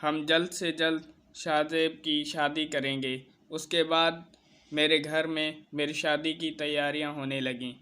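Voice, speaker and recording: Male narrator, bright and somewhat high, earnest first-person storytelling. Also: smooth. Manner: steady, earnest retelling of a personal account.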